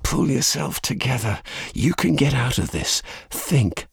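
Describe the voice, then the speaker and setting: A man voicing a trapped woman judge, frantic and defiant, screaming in a high falsetto. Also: very animated, measured pace, creaky, husky, no echo, clean studio sound, heavily acted. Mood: self-scolding.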